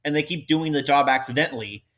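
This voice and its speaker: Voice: mid-range voice, fast. A podcast co-host chatting casually with friends and acting out characters' lines. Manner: animated, acts out characters' lines. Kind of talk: casual banter.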